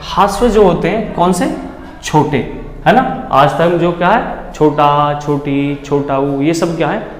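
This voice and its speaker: Male teacher, slightly high voice, drilling students with his own question-and-answer patter, echoey room. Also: unhurried, faint music behind. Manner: repeats questions and answers them himself, checks understanding often. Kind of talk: exam-prep Hindi grammar lesson. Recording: echoey room with long reverb and faint background noise.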